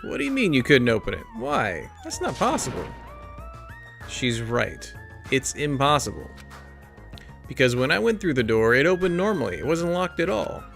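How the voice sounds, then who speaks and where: A man's voice: mid-range voice, huge pitch swings, moderate pace, gravelly, a bit bright, soft background music. A man playing a game and reading its dialogue aloud in shifting tones, with wry casual asides between lines. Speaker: let's play streamer.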